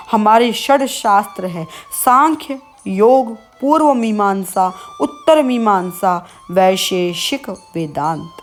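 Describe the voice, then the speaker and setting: A woman delivering a devotional sermon at an unhurried, deliberate pace, her voice sitting at an ordinary middle pitch. She explains calmly and patiently, leaning on homely examples to make each point. Soft music plays faintly underneath. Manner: calm, explanatory, teaches through everyday comparisons. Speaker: religious discourse speaker.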